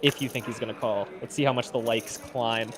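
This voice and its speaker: A man with a mid-pitched voice commentates live poker. He is analytical and explains each move as it happens, with clear chatter from the table behind him. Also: steady tone, fairly quick. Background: poker players chattering.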